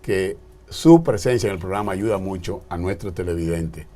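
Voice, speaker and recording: A man's voice: sits low, moderate pace. A man from the Dominican Republic with a Dominican accent, hosting a TV talk show and growing emphatic as he tells stories. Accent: Dominican Spanish. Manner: expressive, grows emphatic telling stories.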